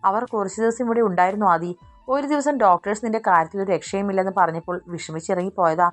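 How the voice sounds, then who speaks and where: A woman's voice: medium pitch, fast, faint music behind, lightly acted. A woman reading an anxious loyal young man. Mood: anxious earnest.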